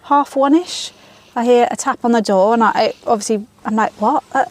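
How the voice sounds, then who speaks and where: A woman co-hosting a podcast, telling stories in relaxed casual chat outdoors in a garden. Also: a little high, brisk. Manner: relaxed, hesitant storytelling with fillers. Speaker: podcast co-host.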